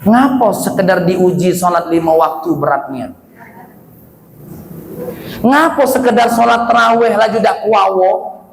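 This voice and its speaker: Brief: middle-aged male preacher, high-pitched and lively, animated storytelling sermon, echoey hall. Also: unhurried, pauses often, slight background noise. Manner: animated, shouting at times, laughing, asking the audience questions. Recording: echoey hall, faint ambience.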